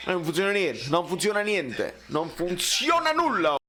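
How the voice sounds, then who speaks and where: A football fan reacts live to a match in a high, bright, forceful voice. He is a man with a Neapolitan accent who talks in colloquial street slang. His casual commentary is excitable, with theatrical complaining. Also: normal speed.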